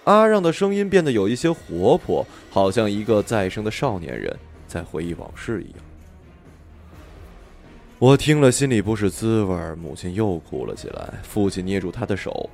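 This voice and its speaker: Guy reading an audiobook story, super lively pitch, faint music under it. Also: normal speed, vocal fry. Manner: expressive, animated storytelling. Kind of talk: audiobook narration.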